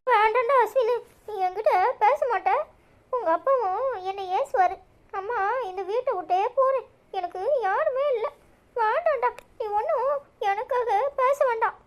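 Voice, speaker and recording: A woman voicing a sad, rejected mother in a cartoon, speaking softly and near tears, with a Tirunelveli Tamil accent. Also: extremely high pitch, moderate pace, highs cut off. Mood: resigned. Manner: soft, sorrowful, near tears.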